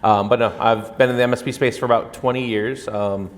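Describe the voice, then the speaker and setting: A man's voice: mid-range voice, steady tone, a little fast. A man in his forties from Hawaii, speaking on a conference panel in a matter-of-fact, technical way.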